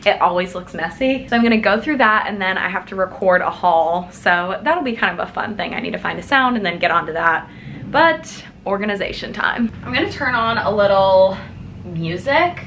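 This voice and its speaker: An American vlogger in her twenties chats casually at home, moving through rooms and the kitchen. Her voice is medium-pitched and fairly bright, with lively intonation and a moderate pace. The sound is roomy and echoey, with some background noise.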